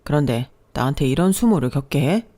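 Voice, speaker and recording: A narrator voicing a young husband who is touchy and speaks in a resentful, accusing way. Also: male voice, a little high, expressive, fairly quick, dark tone. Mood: angry.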